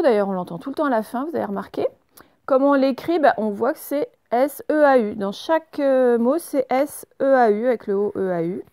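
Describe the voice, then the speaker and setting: A woman gives a reading lesson to young children, saying words slowly and clearly and spelling out sounds. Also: fairly high pitch, a little mellow, dry recording. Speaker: teacher.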